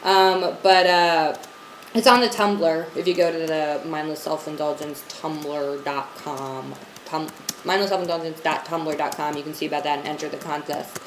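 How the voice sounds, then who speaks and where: A woman's voice: low-pitched, steady tone, moderate pace, a little hiss or hum. Playful woman on an echoey webcam stream. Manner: playful, giggly. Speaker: band member on a livestream. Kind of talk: casual livestream chat. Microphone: laptop webcam mic.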